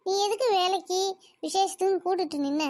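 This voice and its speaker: A woman's voice: very high voice, fairly even intonation, a little fast, a little mellow, no echo. A woman voicing a lovestruck, teasing young woman in a cartoon, coy and playful. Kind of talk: cartoon voice acting.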